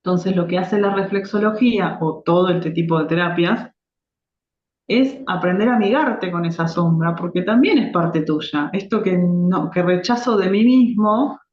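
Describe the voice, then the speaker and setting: A middle-aged woman with a Rioplatense Spanish accent, a reflexology therapist calmly explaining her ideas as a podcast guest. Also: fairly low pitch, normal speed. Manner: reflective, explanatory, with frequent restarts. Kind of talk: conversational interview. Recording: echoey, dull lo-fi remote audio.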